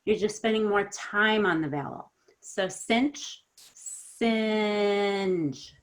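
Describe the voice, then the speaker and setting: A woman coaching pronunciation in an online lesson, correcting students and modelling sounds slowly and encouragingly. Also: medium pitch, fairly bright tone. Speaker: accent coach.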